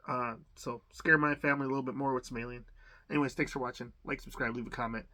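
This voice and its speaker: This unboxing video host is an adult man who talks quickly in a mid-range voice. He chats casually and rambles, relaxed, with many fillers and restarts and a slight cough along the way.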